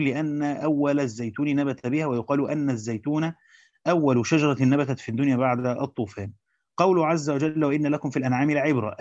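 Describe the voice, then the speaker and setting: A man with an Egyptian accent reads a commentary at a rapid clip, breaking off into colloquial asides where he stumbles and restarts his words. The recording is dry and a little dull, as if captured close up with modest equipment. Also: mid-range voice, a little mellow, no room sound. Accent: Egyptian Arabic. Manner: fast reading with hesitant restarts in the asides. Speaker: teacher reading and explaining a Quran commentary. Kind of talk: classical Arabic reading with Egyptian colloquial asides.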